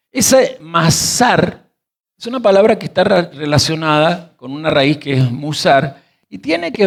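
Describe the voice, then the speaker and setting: Man preaching, slightly high voice, animated teaching, drawn-out key words. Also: vocal fry. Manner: reads verses then explains word roots, quizzes the audience. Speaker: pastor teaching scripture. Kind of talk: sermon teaching.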